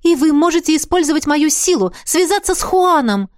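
A woman's voice: high-pitched, moderate pace, dry recording, clean studio sound, pitched above the performer's own voice, lightly acted. A woman voicing a spirited young heroine in an audiobook, asking eager, urgent questions.

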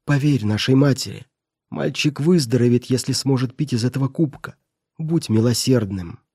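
A man's voice: medium pitch, moderate pace, dark tone, husky, no echo, clean studio sound. A man voicing a poor, desperate mother who pleads tearfully with her brother. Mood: pleading.

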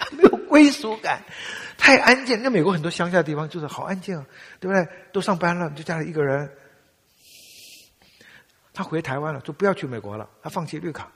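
A man, telling a personal story in a church talk and acting out family dialogue with a husky voice. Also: a little high, quick pace. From Taiwan. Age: 70s. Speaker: speaker giving a testimony. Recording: long reverb of a large hall.

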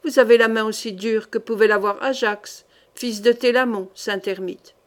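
A woman's voice: a little high, fairly even intonation, moderate pace, close to an everyday voice. A woman voicing a teasing, mocking lanky court painter in an audiobook reading.

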